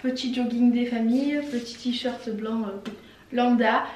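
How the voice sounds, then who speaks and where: A woman's voice: a little high, a little mellow. A young French-speaking woman chatting casually and enthusiastically while trying on clothes for a haul video. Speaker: fashion vlogger. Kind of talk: casual try-on haul chat. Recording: echoey room, mic some distance away.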